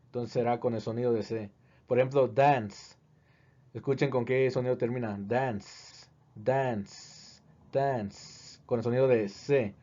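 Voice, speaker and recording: A man teaching in a video lesson, speaking slowly and deliberately and repeating each word as a drill. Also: medium pitch, steady tone, dark tone. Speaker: English teacher. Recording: dull, lo-fi recording.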